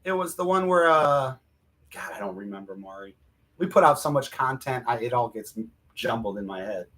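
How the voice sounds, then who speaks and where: A man's voice: mid-range voice, lively intonation, normal speed, sharp tone. Laid-back man telling stories. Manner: laid-back storyteller, drops into impressions. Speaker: co-host. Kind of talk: casual chat.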